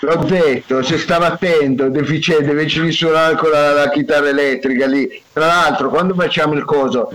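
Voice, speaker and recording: A man's voice: on the high side, fairly even intonation, normal speed, hardly any pauses, a bit bright, a little hiss or hum, low-quality recording. A man narrating and bossing the cast around as a mock director in a comic radio sketch, theatrical and scolding.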